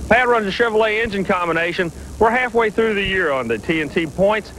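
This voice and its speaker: High-voiced trackside tractor pull announcer, male. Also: lively intonation, fairly quick, rough recording. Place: outdoors trackside. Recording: loud outdoor engine noise.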